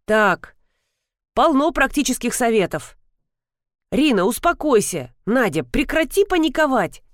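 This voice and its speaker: A woman's voice: fairly high pitch, sing-song, unhurried, dry recording, pitched above the performer's own voice. A woman voicing a dry, practical young man who mutters his advice.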